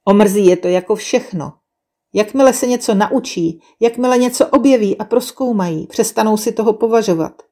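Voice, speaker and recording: A woman's voice: medium pitch, dark tone, natural voice. A woman voicing a weary, sceptical female owl who sighs and scolds the other animals in a storybook tale. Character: grumpy wise female owl, scornful and weary.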